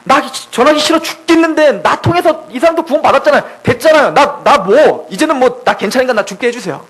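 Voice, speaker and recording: A man's voice: very high voice, expressive, fairly quick, fairly bright tone, slightly rough, exaggerated voice. A man voicing a sulking prophet who whines and pleads to be left to die, in a sermon retelling. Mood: whiny. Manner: complaining, pleading. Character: sulking prophet man, whiny and self-pitying.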